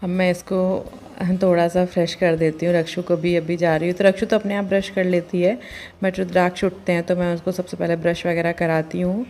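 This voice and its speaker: A woman, a mother of two, narrating her daily routine in a chatty, homely vlog with many filler pauses. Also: fairly low pitch, little pitch movement, darkish tone, slight background noise.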